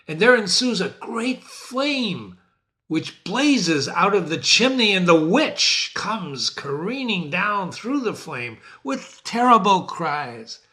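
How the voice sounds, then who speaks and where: A man's voice: sits high, very animated, slow, bright, forceful tone. A man reading a stage play aloud and adding casual asides to the listener. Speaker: reader.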